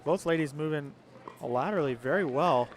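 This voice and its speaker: Male pickleball commentator, slightly high voice, live play-by-play, faint background noise. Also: moderate pace.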